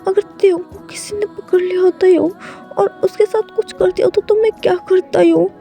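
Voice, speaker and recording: A woman's voice: very high-pitched, steady tone, fairly quick, gravelly, mellow, soft background music, pitched above the performer's own voice. A woman voicing a furious lovesick young man. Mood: pleading. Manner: pleading, repetitive, breathless outbursts.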